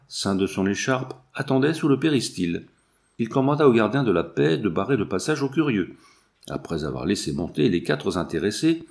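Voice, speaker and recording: Brief: male narrator, steady storytelling read, middle-range voice. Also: mid-range voice, gravelly. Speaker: audiobook narrator. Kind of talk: scripted narration.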